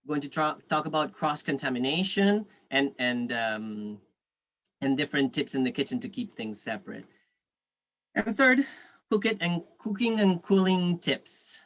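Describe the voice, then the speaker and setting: A man's voice: fairly high pitch, big pitch swings, moderate pace, fairly bright tone. Spanish-accented man teaching an online workshop. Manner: friendly, reads chat aloud, frequent fillers. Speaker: food safety workshop instructor.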